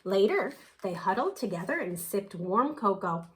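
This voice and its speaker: A woman reading a children's picture book aloud in an expressive way, with dramatic emphasis. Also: mid-range voice, background noise. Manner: animated, unhurried, dramatic emphasis. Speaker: children's story reader.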